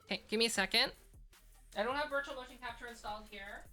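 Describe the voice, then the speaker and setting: A woman's voice: fairly high pitch, fast talker, pushed and bright, faint music behind. A woman chatting casually as a virtual streamer on a live stream, with a cute, bubbly anime-streamer delivery. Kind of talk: casual livestream chat.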